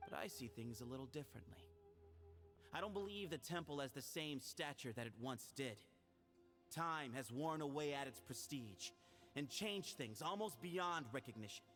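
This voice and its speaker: A man's voice: mid-range voice, lively intonation, normal speed, fairly bright tone, lightly acted. A man voicing a frank, confident young heir in a video game, direct and self-assured. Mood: calm, resolute. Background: music.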